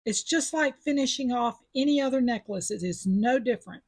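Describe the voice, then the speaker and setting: Husky-voiced woman teaching beadwork. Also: on the high side, expressive, fairly quick, a little mellow. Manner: chatty, step-by-step instructions. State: sucking a mint after coughing. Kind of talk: casual craft tutorial.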